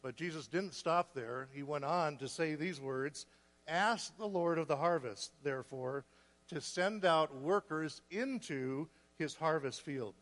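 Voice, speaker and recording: A man preaching a sermon, earnest and a bit short of breath, restarting phrases and clearing his throat. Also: a little high, measured pace, fairly bright tone, in a large hall. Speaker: guest preacher.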